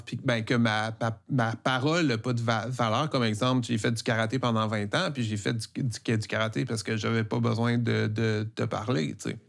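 A man's voice: mid-range voice, creaky. A middle-aged man with a Québécois accent telling his own story, stuttering with frequent repeated words and sounds. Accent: Québécois French. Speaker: interviewee, comic book author. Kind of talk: personal testimony.

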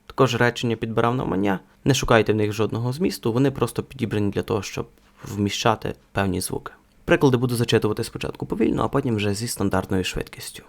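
A man's voice: mid-range voice, lively intonation, fast talker, creaky. A young man in his twenties from Ukraine, giving a pronunciation lesson and spelling out sounds one by one. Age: 20s. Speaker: language teacher.

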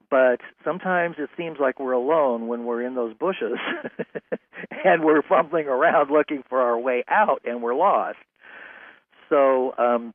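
A man hosting a casual interview, speaking haltingly with many fillers. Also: medium pitch, no echo. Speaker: radio host. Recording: tinny phone-like radio line, dry.

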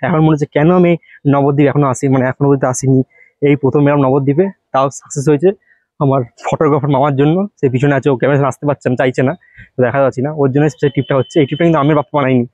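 Rapid-talking male travel vlogger. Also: mid-range voice, fairly even intonation, darkish tone, dry recording, dull audio. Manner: rapid chatty guiding, addresses viewers directly. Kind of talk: casual walk-and-talk travel vlog. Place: temple grounds, walking around.

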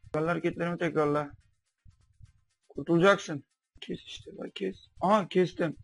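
A young man giving comedic commentary over a game, bantering in a mock-doctor way with sudden loud outbursts. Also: on the high side, steady tone, moderate pace, vocal fry, no echo, soft background music. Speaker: gameplay commentator.

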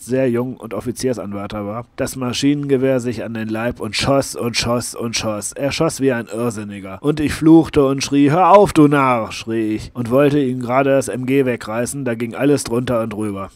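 A man reading a first-person memoir aloud as an audiobook, dramatic at times and hushed at others. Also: mid-range voice, dry recording. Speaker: audiobook reader. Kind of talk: scripted narration of a memoir.

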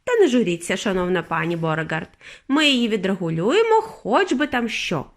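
A woman voicing an eccentric male candy maker who sighs and sounds apologetic, pitched lower than her narration. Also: big pitch swings, moderate pace. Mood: rueful.

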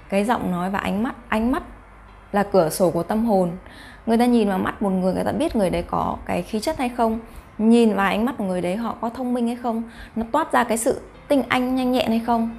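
Face reading is the topic as a woman host speaks casually to her viewers, regularly asking them rhetorical questions. Her voice is a little high, creaky and slightly mellow, her pace quick, and there's slight background noise.

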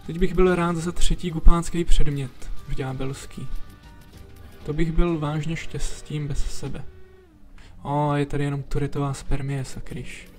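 A man giving relaxed let's play commentary, chatting to himself and to the enemies as he plays. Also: a little high. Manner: chatty, talks to himself and to enemies while playing. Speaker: gameplay commentator. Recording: faint background game music. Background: game music.

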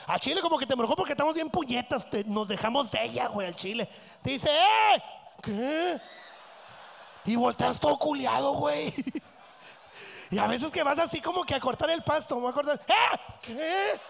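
A middle-aged man with a Mexican accent doing a crude, rowdy stand-up routine on a theatre stage, breaking into shouted voices. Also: very high voice, brisk, gravelly, slight background noise. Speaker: stand-up comedian.

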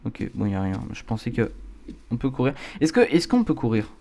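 A man's voice: medium pitch, sing-song, brisk, warm tone. A man giving casual horror game commentary, a scared, jumpy gamer reacting aloud as he plays. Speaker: video game streamer. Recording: clear background noise.

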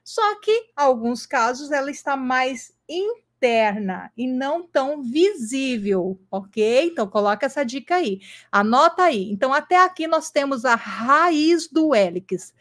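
Slow, patient woman teacher. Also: high voice, expressive, a bit bright. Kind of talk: online lesson with screen drawing.

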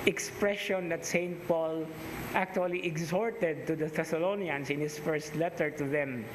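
High-voiced Filipino priest preaching. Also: male voice, fairly even intonation, measured pace. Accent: Filipino, Cebuano. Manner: conversational, teacherly, switching into Cebuano asides. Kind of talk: sermon. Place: chapel altar, indoors. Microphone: stand mic at pulpit. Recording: echoey church with background hiss.

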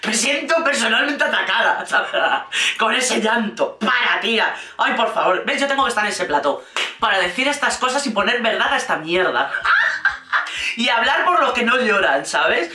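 A woman's voice: fairly high pitch, very animated, normal speed, pushed and bright, far from the mic, slight background noise. A woman with a Spain Spanish accent giving blunt, sarcastic reaction commentary on a reality show, swearing freely. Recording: roomy sound, voice away from mic.

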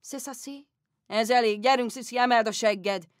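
An actress putting on a boisterous, impatient aristocratic father who speaks loudly and heartily. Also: a little high, no room sound, clean studio sound, natural voice. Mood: brash. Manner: loud, hearty, commanding.

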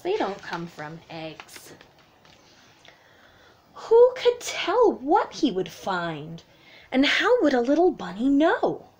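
A woman with a high voice reads aloud at storytime for young children, indoors in a small room at home. She's unhurried and expressive, as a children's teacher would be, and explains things in simple terms.

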